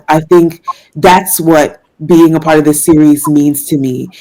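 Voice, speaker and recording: Over poor audio comes a woman's low-pitched, darkish voice: a young jazz singer from Washington, D.C., United States. She answers interview questions earnestly and with evident faith, laughing and using fillers.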